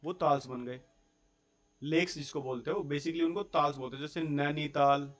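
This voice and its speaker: His voice is a bit high, his intonation fairly even, and his speed normal. This young man teaches school geography in a blend of Hindi and English, working through it step by step and frequently checking in with students using "theek hai" and rhetorical questions.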